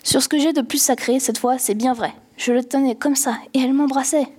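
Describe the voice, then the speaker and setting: A woman's voice: sits high, steady tone, a little fast, a little mellow. Woman reading as a pleading teenage boy. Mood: tearful. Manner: pleading, rambling.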